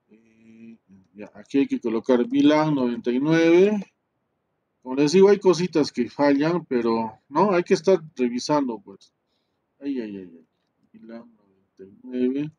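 Guy teaching networking on his pc, slow and a bit high voiced, mutters and keeps saying "right?". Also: darkish tone. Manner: thinks aloud, frequent tag questions, mutters and trails off. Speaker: networking instructor. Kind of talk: screen-recorded tutorial.

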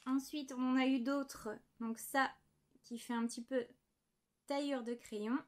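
A woman in her thirties with a slightly high voice chats casually from her home desk. She shows off small knitting items, often apologizing and pausing over the little details. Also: fairly even intonation, darkish tone. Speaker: knitting podcast host. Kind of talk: casual show-and-tell chat.

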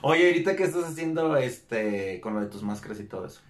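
A man with a Mexican accent interviewing a guest in a relaxed, slangy way. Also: mid-range voice, fast. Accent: Mexican Spanish. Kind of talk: casual interview. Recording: echoey room.

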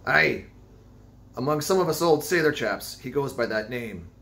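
A man's voice: mid-range voice, animated, normal speed, vocal fry, a bit bright, pitched above the performer's own voice. A man voicing a ragged, wild-eyed old sailor who talks in cryptic, insistent old seafaring dialect. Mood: ominous.

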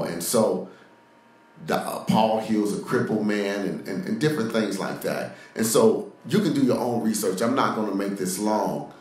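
A man's voice: lowish voice, darkish tone, far from the mic. A man preaching a sermon-style podcast, reading scripture and breaking off into sarcastic, mocking asides. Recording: very echoey room, voice off-mic.

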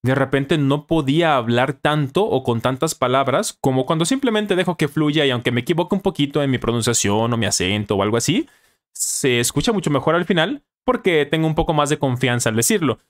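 A young Mexican man with a Mexican Spanish accent, a YouTuber and English teacher reflecting casually on his own video, with frequent self-corrections and tag questions. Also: fairly high pitch.

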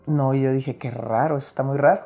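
A woman talks through personal memories in a relaxed interview. Her voice sits low and deep, and she slips into the voices of the people she quotes. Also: fast, creaky. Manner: animated storyteller, acts out quoted lines, laughs between stories. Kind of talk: candid interview storytelling.

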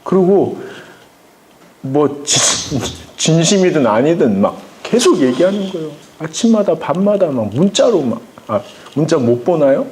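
High, lively-voiced man preaching to parents. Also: measured pace. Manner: emphatic, acts out quoted voices, often says "막". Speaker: pastor lecturing parents. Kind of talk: animated parent-education lecture. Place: lecture hall with live audience.

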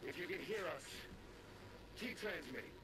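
Calm, by-the-book ship's comms officer, heard over a distant, broken-up radio link that stutters under loud static. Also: male voice, high-pitched, normal speed. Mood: urgent. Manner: clipped, formal radio procedure. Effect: radio transmission breaking up, stuttering.

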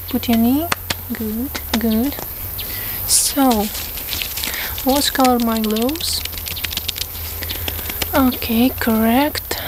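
A young woman doing an ASMR role-play as an ASMR examiner, speaking softly in short, repeated phrases. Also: high voice. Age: young adult. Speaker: ASMR creator playing an examiner. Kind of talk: ASMR role-play, fast soft-spoken and soft-spoken ASMR. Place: outdoors in a grassy field with trees. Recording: outdoor ambient noise with birdsong.

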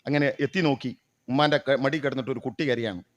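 A man's voice: mid-range voice, steady tone, fairly quick, lo-fi sound. A middle-aged man from Kerala giving a public political speech into a stage microphone. He asks rhetorical questions, answers them himself, and breaks off into stories. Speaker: political speaker.

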